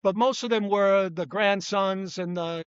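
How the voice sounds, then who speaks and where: A man's voice: high voice, fairly even intonation, a little slow, smooth, no echo, muffled recording. An older man, a retired police detective, talking as an interview guest in a rambling, self-correcting way. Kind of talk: conversational interview.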